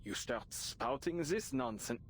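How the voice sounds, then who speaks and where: Condescending gentleman, smug and exasperated. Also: sits high, big pitch swings, measured pace, vocal fry, slight background noise, exaggerated voice. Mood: patronizing. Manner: patronizing, exasperated. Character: condescending middle-aged man, smugly dismissive gaslighter.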